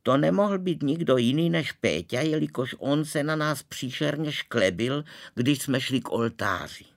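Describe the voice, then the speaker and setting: A man's voice: a little high, expressive, vocal fry, pitched above the performer's own voice. Storybook bride, whiny and accusing, raised voice, read by a man. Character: tattling young bride.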